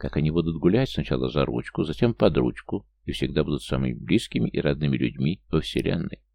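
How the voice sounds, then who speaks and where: A man reading an audiobook in a measured, even scripted narration. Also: very deep voice, vocal fry, no room sound.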